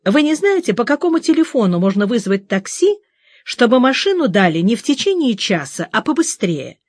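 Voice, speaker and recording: A wry, tough woman detective who grumbles at herself and plays up her suffering, as a woman reading an audiobook puts her on. Her pitch moves a lot, and the sound is dry and close. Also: big pitch swings, brisk, dry recording. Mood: mock-embarrassed. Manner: wry inner monologue, mock-suffering. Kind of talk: audiobook character voice.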